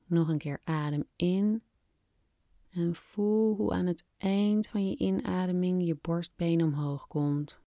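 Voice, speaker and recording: A woman softly and soothingly guiding a breathing exercise in calm, unhurried scripted instructions, slightly breathy at times. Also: fairly low pitch, dry recording, studio quality. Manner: soft, soothing, unhurried instruction with long pauses. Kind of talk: guided relaxation exercise, scripted narration.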